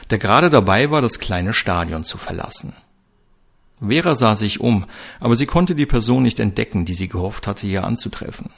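Steady male narrator for a radio-style crime serial, low-pitched and gravelly. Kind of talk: scripted audio-drama narration.

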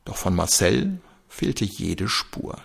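Man, calm crime-story narration, low-pitched, gravelly. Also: takes it slowly, noisy background. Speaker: audiobook narrator.

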